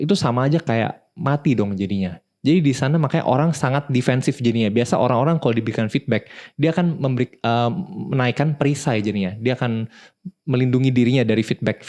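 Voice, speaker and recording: A man's voice: mid-range voice, fast talker, a little mellow. A young man, hosting a talk show and explaining advice in a casual, direct way, calling the listener "bro". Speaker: podcast host.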